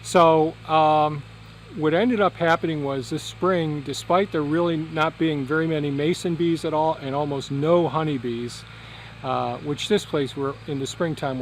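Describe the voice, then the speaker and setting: Higher-voiced man outdoors, tractor rumbling behind. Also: fairly even intonation, low-quality recording. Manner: halting, explanatory. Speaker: gardening and beekeeping video host. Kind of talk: casual outdoor vlog talk. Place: outdoors on a rural property by a hive hut. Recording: outdoor noise of tractor and insects. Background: tractor rumbling, insects.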